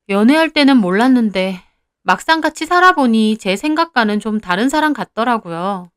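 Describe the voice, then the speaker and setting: Young woman telling her story, smooth clear voice, kinda high, confiding tone. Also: a bit bright, dry recording, studio quality. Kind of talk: first-person story narration.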